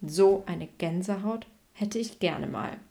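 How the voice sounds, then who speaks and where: A woman's voice: mid-range voice, slow pace, vocal fry, dark tone. A woman voicing a cheerful, wistful male elephant in a storybook reading.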